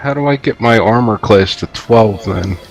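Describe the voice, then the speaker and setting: A man chats casually as a player at a tabletop game. His voice is on the low side, and music plays behind him. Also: moderate pace.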